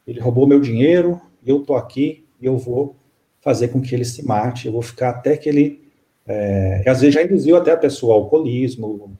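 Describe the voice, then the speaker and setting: A man, a spiritist counselor, telling a story in an interview in a calm, halting way with many fillers. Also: mid-range voice.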